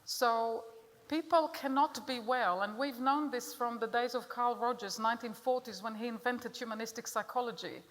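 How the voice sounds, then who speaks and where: A middle-aged Israeli woman with an Israeli accent speaks to an audience in a slightly high, a bit bright voice at a moderate pace. Her talk is earnest and direct, and she puts questions to the listeners. The recording carries a long hall reverb.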